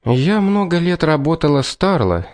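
A man's voice: fairly high pitch, sing-song, moderate pace, a little mellow, no echo, pitched above the performer's own voice. A tense female investigator presses her questions with urgent insistence, as a male audiobook reader gives her voice. The sound is dry and close.

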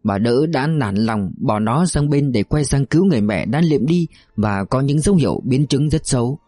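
A man reading a novel aloud in steady first-person narration. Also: mid-range voice, normal speed, no room sound, studio quality. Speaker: audiobook narrator.

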